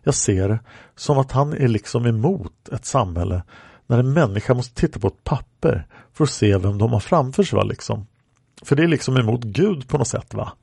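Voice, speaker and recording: A man's voice: medium pitch, animated, creaky, dark tone, slightly rough, no echo, clean studio sound. A man reading aloud a woman's answers in a police interrogation record, rambling with many fillers. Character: woman questioned by police, plain-spoken.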